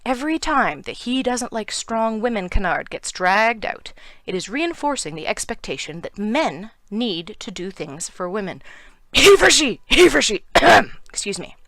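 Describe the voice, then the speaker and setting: A woman's voice: mid-range voice, fairly bright tone, dry recording. A Canadian woman delivering a scripted, sarcastic opinion monologue with emphatic outbursts. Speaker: commentary video host.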